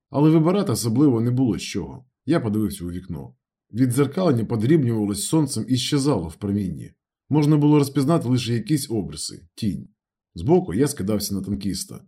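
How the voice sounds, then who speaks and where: Audiobook narrator, male, steady first-person storytelling, husky tone, animated pitch. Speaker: audiobook reader. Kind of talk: scripted novel narration.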